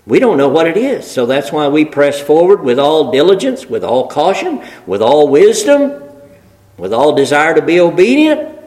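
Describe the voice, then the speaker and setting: A man's voice: on the high side, very animated, moderate pace, a little mellow, low-quality recording. A man preaching a sermon in a folksy, emphatic way, building rhetorical lists and repeating phrases for weight.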